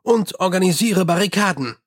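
A man voicing a gruff, weary middle-aged police commander who talks in a dry, blunt and grumbling way. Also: sits high, lively intonation, normal speed, pitched above the performer's own voice. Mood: commanding.

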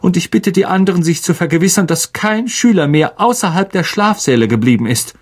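A man's voice: high voice, animated, a little fast, husky, pitched above the performer's own voice. A man voicing a stern older female teacher in an audiobook reading, grave and commanding. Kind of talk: audiobook character voice.

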